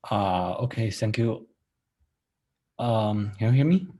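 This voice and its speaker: A man's voice: lowish voice, animated, slow, warm tone. A man presenting technical work over a video call, hesitant with frequent ums and uhs. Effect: heard over a video call.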